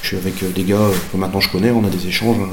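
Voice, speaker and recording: A man's voice: sits low, fairly even intonation, very fast, a little mellow, a little hiss or hum. A man in his forties, an interviewee speaking casually and hesitantly, with many fillers. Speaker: interviewee, football fan. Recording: roomy with faint ambience.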